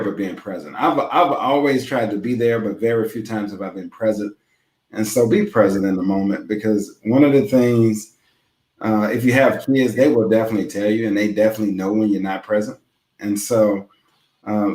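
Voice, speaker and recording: A man's voice: on the low side, fairly quick, darkish tone, reverberant. A man co-hosting a casual business chat show, folksy and joking while giving earnest advice. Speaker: co-host.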